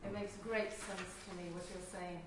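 A woman in a class discussion, speaking quietly and agreeing. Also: on the low side, steady tone, moderate pace. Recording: echoey room from far off with faint noise.

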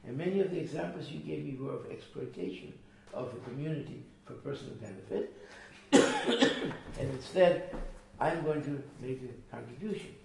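A man's voice: a little high, moderate pace, gravelly, a little mellow. A man teaching a small group, earnest and emphatic, often repeating his phrases. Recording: echoey room from far off with faint noise.

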